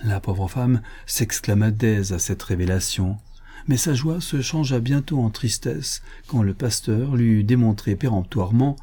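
A man narrating a classic story in a measured, expressive way. His voice is dark and mellow with a husky edge. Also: lowish voice. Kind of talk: storybook reading.

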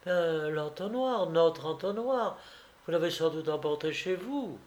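A man's voice: on the high side, lively intonation, measured pace, a little mellow, pitched above the performer's own voice. A man voicing a simple young country woman, offhand and plain-spoken. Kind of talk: audiobook reading.

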